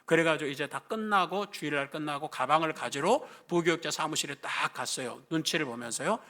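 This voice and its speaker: Middle-aged male pastor, animated storytelling sermon, bright and slightly high voice. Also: a little fast. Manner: animated, acts out quoted voices, rises to near-shouting at climaxes.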